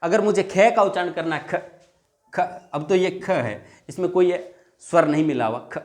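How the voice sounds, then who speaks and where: A man's voice: high-pitched, expressive, normal speed, darkish tone. A male teacher giving a classroom lesson, repeating each point and drawing out example sounds, calling viewers his friends. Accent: Hindi.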